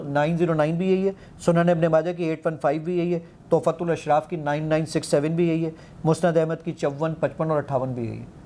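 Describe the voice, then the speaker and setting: A man's voice: on the high side, mellow. A man, an app founder, eagerly demonstrating his app in an interview, quoting the commands he gives it and counting aloud.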